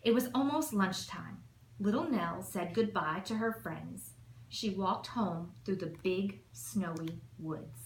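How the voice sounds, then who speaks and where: An assistant principal, a woman with a medium-pitched voice, reads a children's storybook aloud at a slow pace. Her storytelling is emphatic and rhythmic. The room is echoey, with faint noise in the background.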